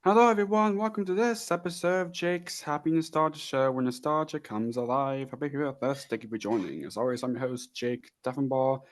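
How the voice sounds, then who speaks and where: A man hosting a podcast, opening the show in an upbeat, welcoming way. His voice sits at an ordinary middle pitch. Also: a little fast, hardly any pauses. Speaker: podcast host. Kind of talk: casual interview.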